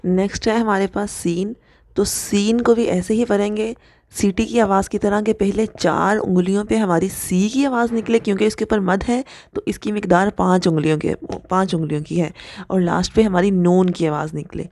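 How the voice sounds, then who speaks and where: A woman's voice: mid-range voice, steady tone, a little mellow, a little hiss or hum. A woman teaching Quran recitation rules step by step. She patiently explains and demonstrates each letter sound. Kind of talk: step-by-step tajweed lesson.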